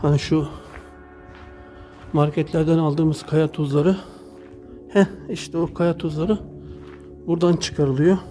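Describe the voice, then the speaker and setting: Male vlog host, mellow timbre, slightly high voice, informal guided-walk delivery to his viewers. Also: level tone, slow, long pauses. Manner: addresses viewers as friends while describing surroundings. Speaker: travel vlogger. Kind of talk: casual narrated walking tour. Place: inside an underground salt cave. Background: music.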